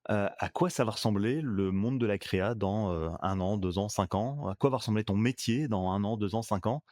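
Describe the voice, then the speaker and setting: A man hosting an interview, asking questions in a casual, brisk way. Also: lowish voice, a little mellow, no echo, clean studio sound. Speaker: interview host.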